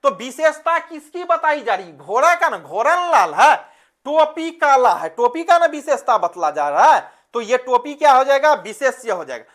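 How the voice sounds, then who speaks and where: A man's voice: very high voice, very animated, moderate pace, fairly bright tone. A male teacher giving an online lesson. He asks the class questions, answers them himself and calls the students "beta".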